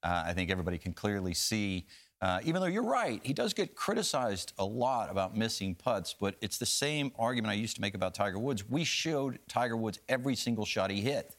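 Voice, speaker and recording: A man working as a golf commentator, analysing play in a measured, emphatic way and repeating key phrases. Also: fairly low pitch, animated, fairly bright tone.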